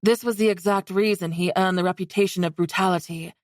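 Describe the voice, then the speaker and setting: A woman reading a fantasy romance audiobook in steady scripted narration. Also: lowish voice, fairly quick, no room sound, studio quality.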